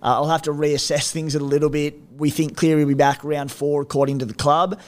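A man's voice: a little high, flat delivery, brisk, a little mellow. An Australian man co-hosting a sports podcast, chatting casually in a broad, slangy, blokey way. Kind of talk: casual fantasy rugby league chat.

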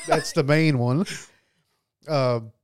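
Smooth-voiced laid-back podcast man. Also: fairly high pitch. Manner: laid-back, laughs often, many fillers. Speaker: podcast co-host. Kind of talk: casual film chat.

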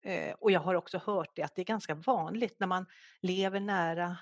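Creaky-voiced middle-aged woman, softly reflective. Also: on the low side, no room sound, studio quality. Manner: soft, reflective, halting with pauses and fillers. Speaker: interview guest, children's book author. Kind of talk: emotional personal storytelling in a podcast interview.

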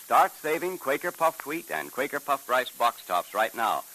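An American man working as an old-time radio announcer, dramatically and emphatically pitching a sponsor to young listeners. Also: big pitch swings, moderate pace, pushed and bright, low-quality recording. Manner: dramatic, emphatic salesmanship addressed to children. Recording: hissy vintage radio broadcast.

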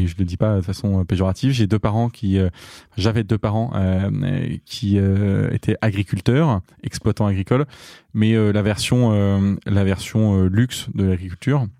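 Hesitant Frenchman, low warm voice. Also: dry recording, clean studio sound. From France. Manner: hesitant, many fillers and restarts. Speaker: interview guest, company founder. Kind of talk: casual interview talk.

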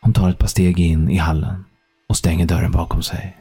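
Deep, flat-voiced male audiobook narrator. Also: soft background music. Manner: calm, measured, even storytelling.

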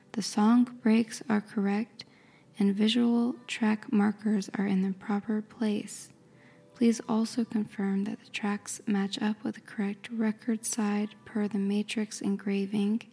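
A woman speaks in a soft, careful ASMR whisper. Her delivery is slow and flat, barely rising or falling, with a dark, mellow tone. A husky, gravelly texture runs through her breathy voice. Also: medium pitch. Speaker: ASMR creator. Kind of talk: ASMR whispered reading and description.

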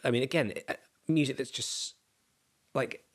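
A man's voice: medium pitch, steady tone, normal speed, breathy edge. A man hosts a casual podcast conversation in a mid-range voice. He rambles and thinks aloud, circling back with plenty of restarts and fillers. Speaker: podcast host.

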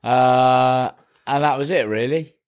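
Male co-host, mid-pitched, jokey self-mocking banter, relaxed sports podcast chat. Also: slow, clean tone.

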